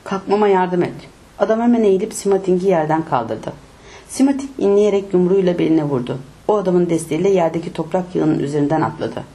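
A woman reading a novel aloud in a steady, measured audiobook narration. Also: on the low side.

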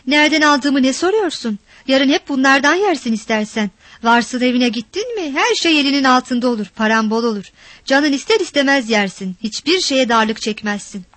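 A woman voicing a harsh, violent village father who shouts, curses and threatens. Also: sits high, animated, moderate pace, dry recording. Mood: coaxing.

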